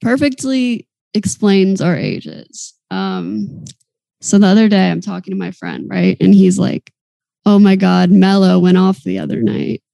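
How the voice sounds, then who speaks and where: A twenty-something woman co-hosts a podcast, chatting casually and telling animated stories punctuated by giggles. Her medium-pitched voice has vocal fry and a measured pace, with no room sound.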